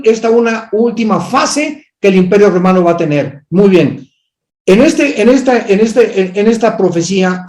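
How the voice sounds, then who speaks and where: A man's voice: sits high, a little mellow. A man teaching theology, answering a student's question firmly and emphatically. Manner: firm, emphatic, corrects speculation bluntly. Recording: echoey room.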